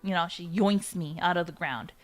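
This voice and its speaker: A young woman streamer telling a story animatedly, laughing and swinging between hushed whispers and squeals. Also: on the low side, normal speed, faint music behind. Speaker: vtuber streamer.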